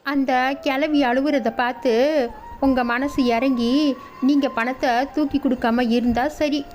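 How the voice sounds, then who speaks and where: A woman voicing an eager, greedy young daughter-in-law who talks in a quick, urging, excitable way in a cartoon story. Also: sits high. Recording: dull lo-fi audio with background music.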